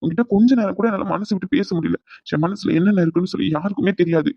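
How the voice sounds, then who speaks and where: A man's voice: sits high, very fast, vocal fry, husky, no room sound, lo-fi sound, exaggerated voice. A man voicing a stressed young husband in a cartoon, scolding his wife in long rants. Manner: scolding rants, softening into comfort. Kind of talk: cartoon voice acting.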